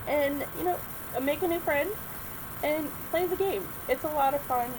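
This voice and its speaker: A woman co-hosting a casual game review chat, easygoing and quick to laugh. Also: high voice. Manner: chatty and easygoing, laughs often. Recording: noisy background hiss.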